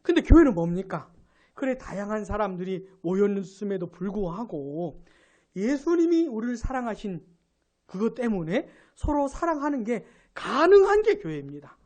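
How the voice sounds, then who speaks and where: A male pastor giving a live Sunday sermon, asking his congregation questions and building to loud emphatic peaks. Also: high voice, big pitch swings, moderate pace. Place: church sanctuary.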